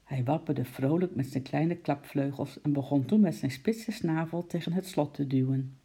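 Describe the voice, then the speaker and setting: A woman reads a children's story aloud in a low, very dark and mellow voice. Her reading is gentle and expressive, with small slips she corrects. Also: moderate pace. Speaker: narrator.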